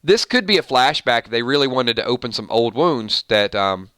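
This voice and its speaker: A man with a Southern accent chats casually on his livestream, reading out viewer comments and laughing easily. His voice is bright and smooth, and the sound is close and dry, with no room echo. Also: mid-range voice, normal speed. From Georgia, US South. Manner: chatty, laughs easily, animated. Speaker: livestream host.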